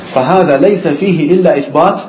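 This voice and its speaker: A man's voice: fairly high pitch, quick pace, a little mellow, reverberant, dull audio. A man teaching an Arabic grammar class, who explains step by step, asks the students questions and repeats the key words.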